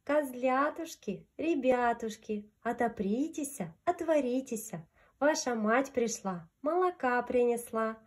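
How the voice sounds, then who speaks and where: A tender storybook mother goat, played by a woman, chants in a high voice. Her words are drawn out slowly in a sing-song way. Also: lively intonation, husky.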